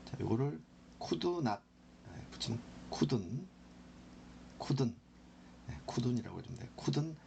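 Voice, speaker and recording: A man teaching English as a lesson, explaining slowly and repeating phrases for drilling. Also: mid-range voice, animated, creaky, warm tone, slight background noise.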